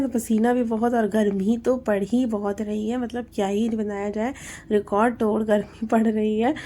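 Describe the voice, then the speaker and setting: A woman in her thirties with a Hindi accent narrates her household routine as a casual voice-over. Her voice sits a little high but sounds soft and mellow. She chats along easily and explains each step with plenty of fillers. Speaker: homemaker vlogger.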